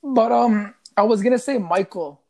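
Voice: mid-range voice, moderate pace, a little mellow. A podcast co-host chatting loosely about sports, full of fillers like bro and like. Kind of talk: casual sports podcast chat.

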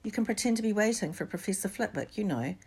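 A woman's voice: mid-range voice, expressive, fast talker, darkish tone, husky, pitched above the performer's own voice. A woman voicing a blunt, cheeky teenage schoolboy with an offhand manner.

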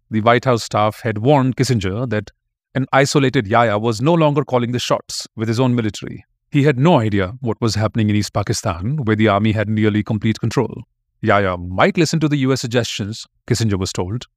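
A man's voice: mid-range voice, no echo. Man narrating history, dry sound. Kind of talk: scripted narration.

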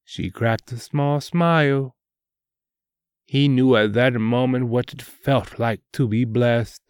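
A man narrates a dramatic serial tale as its host. His delivery is slow and deliberate, with a middling pitch. The sound is dry and close, with very little room in it. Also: clean tone, no echo. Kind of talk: scripted dramatic story narration.

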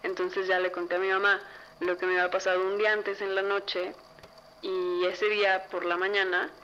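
Chatty young Mexican woman, bright voice. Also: mid-range voice, normal speed. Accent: Mexican Spanish. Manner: chatty, lively, full of fillers. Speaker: storyteller. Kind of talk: casual spoken ghost story. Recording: dull lo-fi recording with faint noise.

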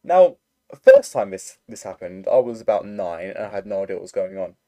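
A man's voice: on the low side, sing-song, brisk, warm tone. A young man, telling a rambling story in casual chat over a voice call, full of fillers. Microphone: computer mic on a voice call.

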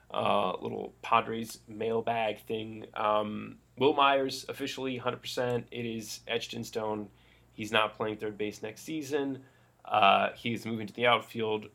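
A man with a gravelly, creaky voice, chatting casually as a podcast co-host. He talks in a loose, relaxed way, full of fillers and restarts. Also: lowish voice, a little slow. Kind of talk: casual sports chat.

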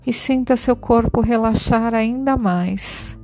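A woman guiding a meditation in a slow, soothing, gentle way. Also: on the high side. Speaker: meditation guide. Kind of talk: guided meditation. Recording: soft music behind.

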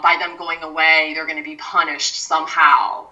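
A woman who is a mindfulness expert, guest on an interview, explaining in a measured, step-by-step way with frequent restarts. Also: low voice, little pitch movement, bright, forceful tone, distant mic, muffled recording.

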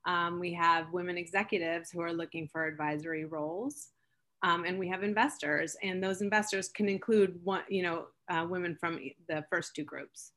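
A woman's voice: on the low side, steady tone, normal speed, fairly bright tone. A woman from Seattle, an interview guest and founder, talking earnestly with frequent fillers and laughs. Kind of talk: interview chat.

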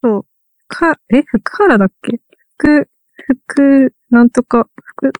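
A woman's voice: high voice, slow pace, no echo, dull audio. A woman from Ehime who teaches English literature, chatting casually, wry and trailing off as she searches for words. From Ehime, Japan. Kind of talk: casual chat.

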